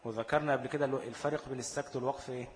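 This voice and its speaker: A man with an Egyptian accent teaching Quran recitation rules. He quizzes his students, answers his own questions, and slows down to chant the quoted verses and poem. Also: mid-range voice, fairly even intonation, slight background noise. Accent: Egyptian Arabic. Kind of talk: tajweed lesson. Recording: echoey room with long reverb.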